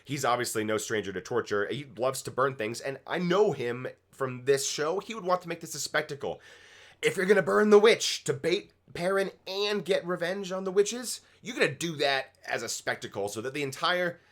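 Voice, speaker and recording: Another co-host of the TV reaction show has a somewhat high, slightly bright voice that stays animated at a moderate pace. He reviews the episode in a casual, opinionated chat, sounding emphatic and exasperated.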